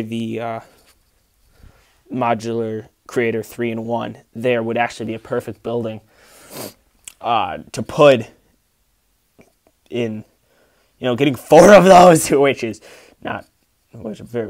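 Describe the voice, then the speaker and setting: Man, casual rambling vlogger, dry close phone sound, mid pitch. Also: no echo. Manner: rambling, many fillers and restarts. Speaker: Lego city builder and channel host. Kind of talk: casual vlog walkthrough. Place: indoor room with a large Lego table, behind the camera.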